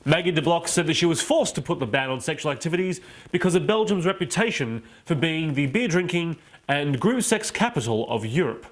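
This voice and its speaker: A man's voice: on the high side, lively intonation, fairly quick. Playful man, mocking comedy monologue. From Australia. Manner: mocking, playful asides and put-on quotes. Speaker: comedy show host.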